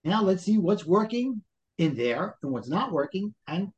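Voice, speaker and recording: Male life coach, Brooklyn accent, fairly high pitch, motivational and full of rhetorical questions, lo-fi interview sound. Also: very animated, a little slow, a little mellow. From Brooklyn, New York. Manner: motivational, talks in rhetorical questions and acted-out self-talk. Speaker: life coach, podcast guest. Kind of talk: conversational interview explanation.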